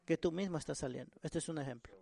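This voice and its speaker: Earnest higher-voiced male preacher. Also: creaky, a little mellow. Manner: earnest, halting, repeats and restarts words. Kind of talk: sermon on prayer.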